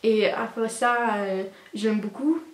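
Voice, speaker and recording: A Canadian teenage girl, a native English speaker, vlogs unscripted in French, which she is learning, hesitating as she searches for words. Her voice sits on the high side with a steady tone and slow pace, and the sound is roomy.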